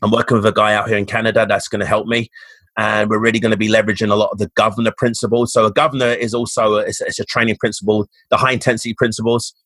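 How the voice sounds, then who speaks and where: Man, Cockney accent, low-pitched, dry close sound, casual motivational talk, frequent restarts. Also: little pitch movement, racing, a bit bright, no room sound. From East End of London, England. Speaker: fitness coach, podcast guest.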